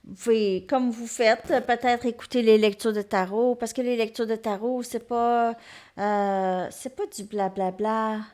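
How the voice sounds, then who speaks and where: A woman gives a tarot reading to her viewers, gently reassuring them and often checking in with them. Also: a little high, steady tone, measured pace. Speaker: tarot reader.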